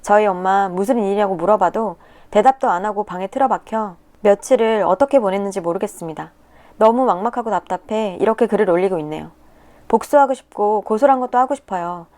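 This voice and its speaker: A woman reading a personal story aloud in the first person, with emotive, tearful delivery and pitch swings. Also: brisk, dark tone. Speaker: narrator of a viewer's submitted story. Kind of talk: scripted first-person narration.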